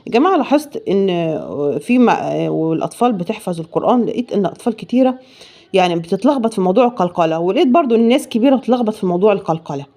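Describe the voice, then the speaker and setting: A woman with an Egyptian Arabic accent teaching Quran recitation rules, slowly drawing out example words to show right and wrong pronunciation. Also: mid-range voice, expressive, warm tone. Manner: slow, drawn-out demonstrations of correct and incorrect pronunciation. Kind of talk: tajweed lesson to camera.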